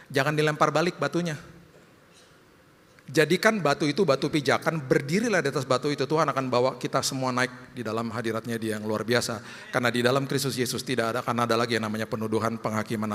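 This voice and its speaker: A man's voice: mid-range voice, fairly bright tone. A male pastor preaching a sermon in a conversational way, often acting out quoted voices. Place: large church hall. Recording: long church hall reverb.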